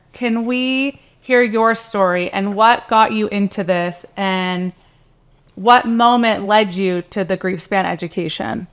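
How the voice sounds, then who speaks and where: A woman's voice: medium pitch, a bit bright, clean tone. Friendly woman co-hosting a podcast. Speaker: podcast co-host. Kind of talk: casual chat.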